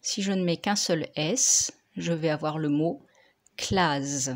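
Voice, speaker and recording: A woman teacher, slowly dictating and correcting spelling words for young pupils, articulating each word carefully. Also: low voice. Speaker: primary school teacher.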